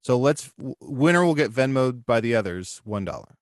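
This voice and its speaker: A man's voice: medium pitch, lively intonation, normal speed, no room sound, studio quality. A man in casual podcast chat who rambles and hedges, thinking aloud as he talks.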